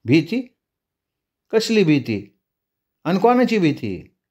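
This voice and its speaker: A man's voice: a little high, very animated, slow pace, a little mellow, breathy edge, pitched above the performer's own voice, heavily acted. A man voicing a strange, eerie young pregnant village mother who talks in a rustic village way. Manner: rustic village speech, odd mad laughter.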